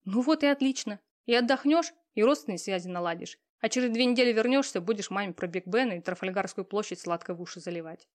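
A woman's voice: medium pitch, animated, quick pace, hardly any pauses, close to an everyday voice. Cheeky young woman friend, matter-of-fact, a woman doing the voice in an audiobook. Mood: breezy. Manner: breezy, matter-of-fact, teasing. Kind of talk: audiobook character reading.

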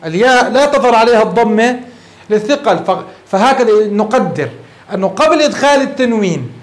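High-voiced Levantine sheikh teaching grammar. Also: male voice, lively intonation, fairly quick. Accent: Levantine Arabic. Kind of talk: classroom grammar lesson.

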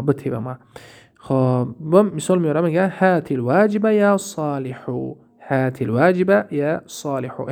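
A man's voice: a little high, a little mellow. A man with a Tajik accent teaching Arabic grammar from a textbook, asking questions and answering them himself as he reads out examples. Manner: explains by asking and answering his own questions, reading Arabic examples aloud. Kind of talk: recorded lesson explaining a textbook.

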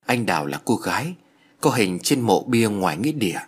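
A man's voice: lowish voice, sing-song, a little fast, husky. A man voicing a hesitant young man in an audio story.

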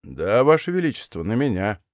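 A man voicing a calm, defiant veteran musketeer captain in an audiobook, speaking low and restrained. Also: a little fast, no echo, studio quality. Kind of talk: audiobook character voice.

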